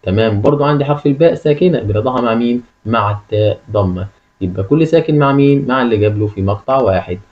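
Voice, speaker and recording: A man's voice: medium pitch, fast talker, dull audio. A man with an Egyptian Arabic accent teaches a lesson, repeating key phrases and asking the listener questions. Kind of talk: classroom-style lesson.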